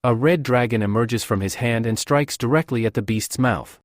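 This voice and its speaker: A man narrating a comic recap in an even, storytelling delivery. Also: mid-range voice, normal speed, dry recording, studio quality.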